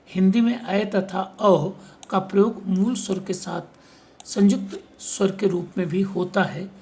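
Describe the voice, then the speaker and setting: A man's voice: high-pitched, darkish tone. A male teacher giving an exam-prep lecture on spelling, reading out examples and often checking that his listeners follow.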